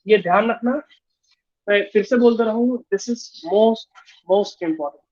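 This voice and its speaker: A man's voice: high-pitched, slow pace, darkish tone, dull audio. A male physics teacher giving an online class lecture, explaining step by step and mixing Hindi and English.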